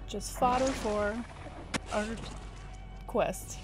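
In casual chat during a couch co-op playthrough, a female co-host laughs frequently while detailing the quests. Her medium-pitched voice stays steady, she draws out her words, and game music plays behind.

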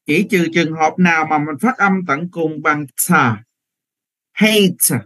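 A man's voice: a little high, fairly even intonation, moderate pace, fairly bright tone, low-quality recording. A man teaching English pronunciation in a live online class, repeating words patiently and correcting learners over a computer microphone.

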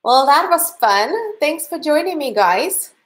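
Her voice sits high, expressive and unhurried, as this painting instructor ends a livestream session from her home studio. She is in her thirties, from Canada, speaks with a Russian accent, and keeps things friendly and upbeat.

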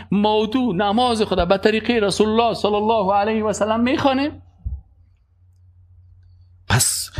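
A man preaching a sermon, emphatic, asking rhetorical questions and reciting verses. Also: very high voice.

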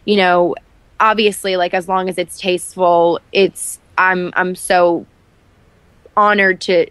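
Speaking slowly in a lowish, level, smooth voice that's slightly bright, this woman in her twenties is an actress being interviewed. Her casual, candid talk is full of fillers and false starts, and the audio has no echo.

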